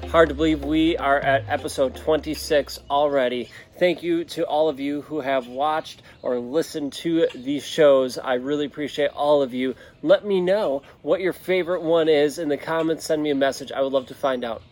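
Out in an open backyard, a podcast and vlog host gives listeners a casual, earnest, encouraging motivational talk. His voice is fairly high and darkish, moving at a moderate pace with hardly any pauses. Outdoor ambience comes through clearly, with birds, occasional traffic and some wind.

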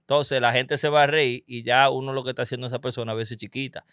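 Man, Dominican accent, comedian guest, animated, dry recording. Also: medium pitch, fast talker, smooth, no room sound. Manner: animated, acts out characters. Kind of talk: casual podcast chat.

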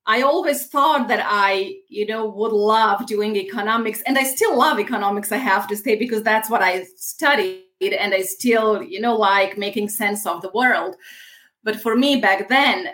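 A woman's voice: medium pitch, normal speed, fairly bright tone. Woman in her thirties from Bosnia, friendly career coach guest, easygoing answers. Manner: friendly, laughs easily, hesitant restarts. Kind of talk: casual interview answers.

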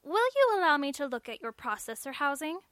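A woman reading the part of a brisk female school registrar, stern yet wry, asking crisp, probing questions. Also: sits high, very animated, a bit bright, no echo, voice pushed up.

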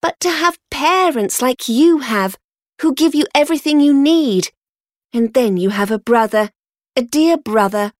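A woman voicing a cunning young woman who flatters and sighs theatrically to get her way. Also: sits high, a little slow, no room sound, studio quality, voice pushed up. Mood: wistful. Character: scheming, cunning young woman playing humble.

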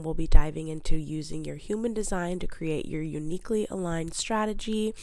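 A young adult woman hosts a solo podcast as a mindset coach, her fairly low voice creaky and a little mellow, with no room sound. Congested from a head cold, she sounds stuffed up yet stays upbeat and motivational.

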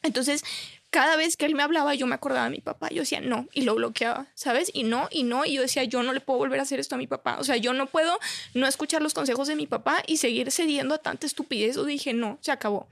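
High-pitched, creaky, and fairly bright, her fast speech is captured in clean studio sound without any room noise. She's a Mexican woman with a Mexican Spanish accent, candidly telling her story as a podcast guest, dropping "you know," "I mean," "¿sabes?" and "o sea" throughout.

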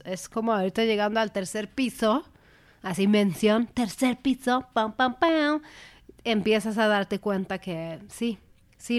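Una mujer de unos treinta años con acento mexicano, copresentadora de un pódcast, charlando con soltura, entre risas y mucha jerga. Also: female voice, mid-range voice. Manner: slangy, laughing, acts out quotes. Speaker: podcast co-host. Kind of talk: casual chat.

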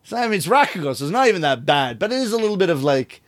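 A middle-aged man with a fairly high, very lively voice, chatting as an interview guest. He tells stories animatedly and slips into the voices of the people in them. The sound is close and dry. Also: very fast, no echo. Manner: animated storyteller, acts out quoted voices. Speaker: rakugo storyteller, guest. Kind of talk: casual interview talk.

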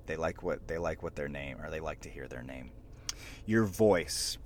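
Deep-voiced man coaching presentation skills. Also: normal speed, a little hiss or hum. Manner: energetic, many restarts, punches the last word. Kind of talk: casual instructional talk.

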